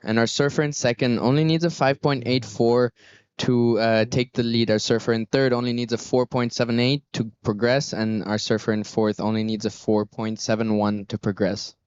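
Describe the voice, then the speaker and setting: Male sports commentator, clear smooth voice, surf contest, dry slightly lo-fi audio. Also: medium pitch, flat delivery, moderate pace, darkish tone, dry recording.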